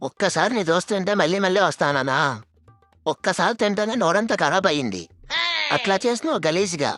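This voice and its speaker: A woman's voice: lowish voice, animated, brisk, no room sound, faint music behind, lightly acted. A woman voicing a hot-tempered, insulting young man in a cartoon. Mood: irritated, scornful. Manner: shouting insults, blunt.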